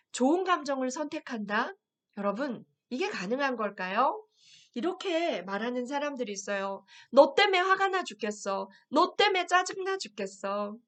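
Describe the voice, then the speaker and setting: Woman instructor with a slightly high voice, gentle and direct, leads a guided affirmation lesson. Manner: gentle, addresses viewers directly, reads phrases slowly. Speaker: health program instructor.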